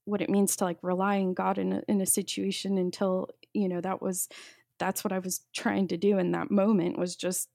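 A woman being interviewed, telling a personal story haltingly, with many restarts and fillers. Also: medium pitch, little pitch movement, gravelly, dark tone, no echo, studio quality. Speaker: guest sharing a testimony.

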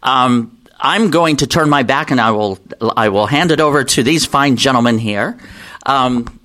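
A male interviewer from the American Midwest, chatty and quick to laugh. His voice sits at an average pitch. He keeps the conversation casual and friendly. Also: pushed and bright. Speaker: show host.

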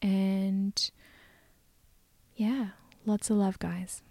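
A woman with a hoarse, croaky voice hosts her podcast in a loose, chatty monologue. Her words often fade into breathy half-whispers. The recording is dry and close, with no room sound around her, made as she speaks from bed. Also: mid-range voice, moderate pace, a little mellow, no room sound. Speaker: podcast host. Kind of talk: casual solo podcast monologue.

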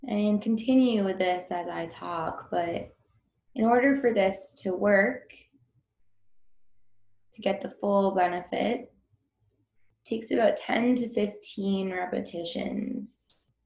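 A woman with a creaky voice of average pitch gently and informally leads a guided breathing meditation at an unhurried, slow pace. The audio has a roomy echo and slight background noise.

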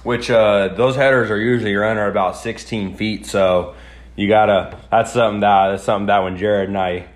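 A man's voice: lowish voice, steady tone, a little fast. A young man chatting casually as a podcast host, rambling and often repeating his phrases. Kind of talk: casual chat.

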